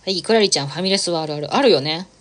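A woman's voice: on the low side, very fast. A woman chatting casually on a livestream while she crafts, rambling from thought to thought, laughing often and reading out viewer comments.

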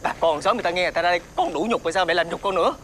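An actor playing a feckless, cowardly young gambler son in a TV fairy-tale drama, with a whiny, stammering, pleading manner. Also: male voice, high voice, rapid-fire, noisy background, natural voice. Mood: whining.

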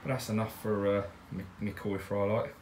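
A man's voice: lowish voice, steady tone, moderate pace, darkish tone, roomy sound. A man casually talking viewers through his DIY build in a cramped garage room, rambling and matter-of-fact with lots of fillers. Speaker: DIY pond vlogger. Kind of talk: casual DIY walkthrough chat. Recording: distant mic with background noise.

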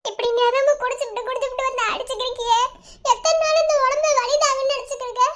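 Worn-out mother, Madurai accent, very high cartoon voice, pleading, lamenting. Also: steady tone, rapid-fire, a bit bright, soft background music. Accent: Madurai Tamil. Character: worn-out beaten older mother.

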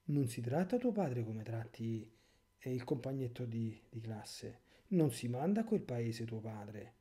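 A man's voice: medium pitch, lively intonation, measured pace, dark tone. A man, a priest, giving a catechesis sermon in an impassioned, rhetorical way with sarcastic asides.

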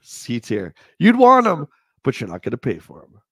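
Stuffy, nasal man hosting a lively stream. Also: medium pitch, normal speed, husky, dry recording, studio quality. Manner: upbeat, animated presenter. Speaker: livestream host. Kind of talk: casual chat.

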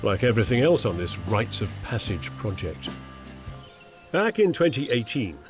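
An older man narrates a documentary with a wry, enthusiastic delivery. His pitch rises and falls in a lively way. Music plays clearly behind him. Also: normal speed. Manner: wry, enthusiastic, theatrical exclamations. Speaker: TV presenter. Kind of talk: documentary narration and on-site interviews. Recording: music bed under narration.

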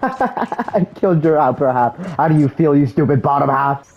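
A man's voice: a little high, normal speed, faint music behind, rough recording. A young man hosting casual gameplay commentary, joking and swearing a lot. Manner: profane, joking, excitable. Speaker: gaming channel host.

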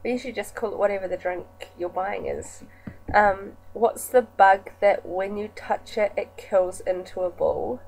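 A woman's voice: mid-range voice, darkish tone, low-quality recording. A nineteen-year-old woman with a New Zealand accent reading through an accent challenge word list in a casual vlog. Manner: slow, casual and chatty, reading words off a list. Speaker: vlogger.

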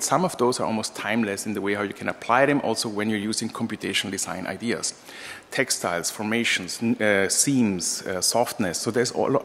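An architecture professor in his forties from Vienna, Austria, speaks with an Austrian accent in a mid-range, fairly bright voice. He delivers an informal, hesitantly phrased lecture at a lectern in a large indoor room, with a gooseneck microphone and a reverberant hall sound.

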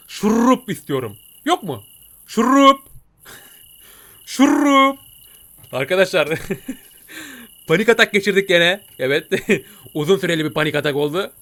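A man voicing an excitable, jokey male cartoon cat who comments on a game and talks to his viewers. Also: sits high. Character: chatty male cartoon cat gamer, jumpy. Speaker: gameplay commentator. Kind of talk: let's-play commentary.

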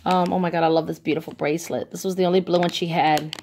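A woman's voice: on the low side, level tone, fast, darkish tone, a little hiss or hum. Chatty woman showing a haul. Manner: chatty, enthusiastic, many ums. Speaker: vlogger. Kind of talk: casual haul video. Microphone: phone held by the speaker, off camera.

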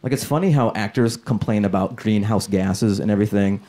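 A man in his thirties doing a stand-up comedy set on a club stage with a handheld mic, animated and working the crowd. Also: lowish voice, a little fast, background noise. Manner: animated, crowd work, acts out voices. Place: comedy club stage before a laughing audience. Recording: live club recording with loud crowd laughter.

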